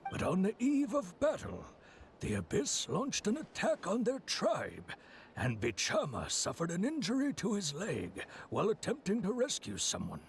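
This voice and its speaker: An actor voicing a gravelly old male villager in a video game, recounting events in a measured, solemn way, with game music playing behind. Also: high-pitched, huge pitch swings, a little hiss or hum, heavily acted. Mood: somber recounting. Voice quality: gravelly, creaky.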